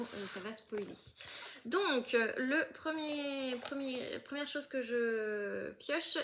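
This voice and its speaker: A woman's voice: fairly high pitch, a bit bright, slight background noise. A young woman chatting casually through an unboxing, gushing often and full of fillers and restarts. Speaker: book vlogger.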